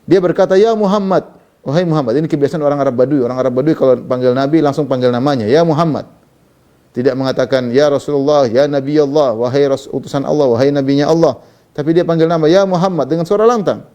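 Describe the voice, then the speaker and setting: Male preacher, quick and mellow, reads Arabic then explains casually, sermon commentary. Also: medium pitch. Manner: reads Arabic text then explains in Indonesian, conversational with fillers. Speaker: Islamic preacher.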